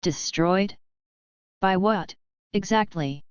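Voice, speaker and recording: A woman's voice: mid-range voice, takes it slowly, clean tone, no room sound, lightly acted. A woman voicing a calculating young Sith man who mocks and scoffs, in a fan-fiction audio story. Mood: wry. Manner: wry, scoffing. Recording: slightly dull, dry recording.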